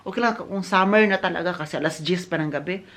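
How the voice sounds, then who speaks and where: Fast-talking man telling a story. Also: high voice. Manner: animated, addresses viewers as guys, mixes in English. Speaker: vlogger. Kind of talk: casual storytelling to viewers.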